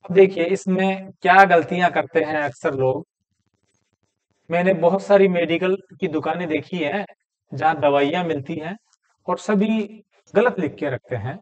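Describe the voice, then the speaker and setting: A man teaching a Hindi grammar lesson, explaining step by step and repeating words slowly. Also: on the high side, muffled recording.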